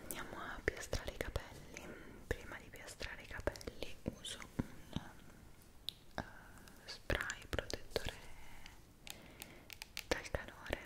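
A leisurely whispered ASMR conversation about her personal routine comes from a woman in her twenties, pitched very low and very near the mic. She pauses at times to find her words. The small indoor room is captured by a pair of close side microphones positioned in front.

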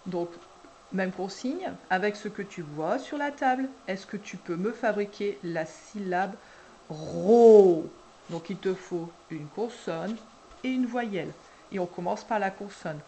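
A woman preschool teacher guiding parents through a syllable dictation, speaking slowly and deliberately and drawing out each syllable. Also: mid-range voice, a little mellow, slight background noise. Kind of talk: instructional video for parents.

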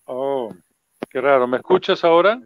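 A man's voice: mid-range voice, expressive, moderate pace, highs cut off. Man on a glitchy video call. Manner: hesitant, stumbling while fixing his connection. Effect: voice coming through a glitchy video call. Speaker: interview guest, painter. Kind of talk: casual greeting on a live call. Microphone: computer or phone on a video call.

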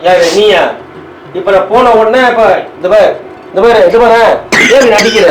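A man's voice: sits high, moderate pace, echoey room, noisy background. A man needling his wife in a domestic prank skit, teasing and argumentative. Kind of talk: bickering couple prank. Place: home kitchen.

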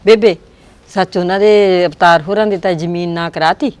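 A woman's voice: lowish voice, fairly even intonation, moderate pace, darkish tone, dry recording, close to an everyday voice. A woman playing a devoted, emotional married daughter who talks at length with her old mother in a family drama. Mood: affectionate. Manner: pleading, talkative.

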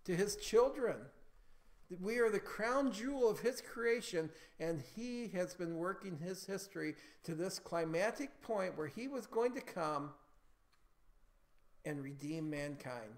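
A man's voice: high voice, lively intonation, unhurried. A man preaching a sermon as pastor in a church, building emphasis and calling for amens. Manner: preaching with rising emphasis, calls for amen.

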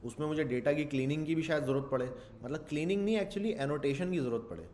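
A man's voice: fairly high pitch, fast, darkish tone, a little hiss or hum. A man teaching a casual coding lecture, thinking aloud and slipping English terms into his talk. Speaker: programming instructor.

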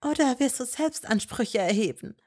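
The reader of this fan story plays a young witch in captivity, desperate and stubborn, pushing and begging with urgent defiance. Her voice is mellow but lifted above her natural pitch, on the high side and animated, at a normal speed.

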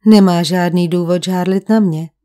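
A woman reading the lines of a calm, probing middle-aged male police commissioner in an audiobook, with measured, gentle questioning. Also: lowish voice, natural voice. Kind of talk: audiobook character voice.

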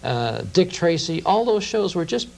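Sitting at a round table in a TV studio, a middle-aged American radio show host talks as an interview guest, recalling the past in a conversational way. His creaky voice sits high and has a sing-song, slightly slow delivery. The lapel-mic audio comes from old TV tape with faint hum and hiss.

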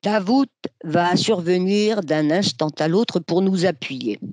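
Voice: medium pitch, slow pace, a little mellow, no room sound. A reader doing a decisive marshal giving orders. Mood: commanding. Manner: crisp, commanding.

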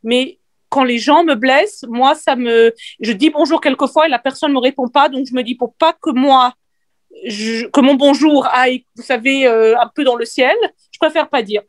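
A woman from the audience asking the rabbi questions, halting and restarting her sentences. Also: sits high, no echo, studio quality. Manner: hesitant, halting, restarts phrases.

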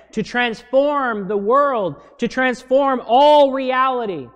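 Male pastor in his forties, high voice, slow emphatic preaching, echoing church. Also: a bit bright. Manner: earnest, emphatic preaching with rising conviction. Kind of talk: sermon. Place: church chancel. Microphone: stand mic at lectern. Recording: long church reverb.

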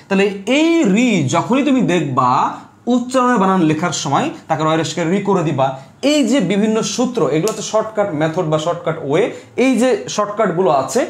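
A man teaching an online class in a high voice, repeating each rule and stopping often to ask the students if they follow. The room is roomy and echoey. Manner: repeats rules and keeps asking students if they understood. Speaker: Bengali language teacher.

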